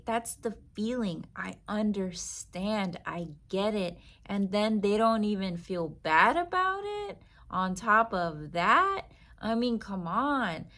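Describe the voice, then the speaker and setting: Woman faith coach talking slow and earnest, leans hard on words, pauses a lot. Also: medium pitch, big pitch swings, fairly bright tone. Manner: earnest, emphatic, with dramatic pauses. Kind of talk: spoken devotional encouragement.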